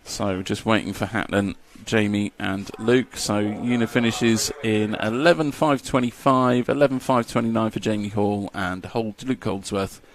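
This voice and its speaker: A man's voice: on the low side, fairly even intonation, normal speed, hardly any pauses, slight background noise. A man doing live race commentary, chatty and jokey as he reads out lap times.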